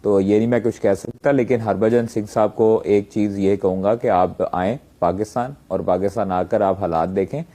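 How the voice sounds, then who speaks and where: A man answers deliberately, pausing here and there. His voice is low and mellow. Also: fairly even intonation. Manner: deliberate, hesitant. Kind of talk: measured statement.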